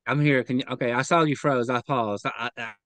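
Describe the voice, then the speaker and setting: Man, interview guest, video call, earnest, halting, smooth, dry. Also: medium pitch, steady tone, a bit bright, no room sound, rough recording. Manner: earnest, halting, repeats words when upset. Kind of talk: remote interview testimony.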